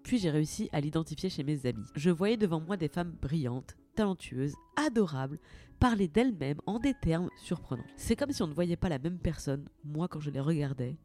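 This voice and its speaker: A woman with a fairly low voice hosts a personal podcast monologue. She addresses the listener directly in a lively, self-mocking tone. Faint music plays underneath. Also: normal speed. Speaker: podcast host.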